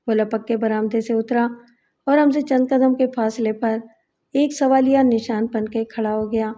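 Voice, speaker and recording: A woman narrating a crime thriller novel as an audiobook, in measured, literary storytelling. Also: fairly high pitch, steady tone, mellow.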